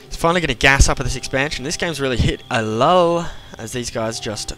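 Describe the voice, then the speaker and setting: A young man casting a strategy game match play-by-play, chatty and self-mocking with quick asides. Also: medium pitch, sharp tone, faint music behind. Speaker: esports caster. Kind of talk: play-by-play commentary.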